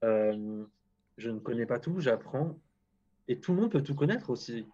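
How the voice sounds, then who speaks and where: The dull audio carries a French-accented man's medium-pitched, expressive voice with a dark tone at normal speed. A guest agroclimatologist on a live stream, he speaks bluntly, mocks himself, and often starts sentences over.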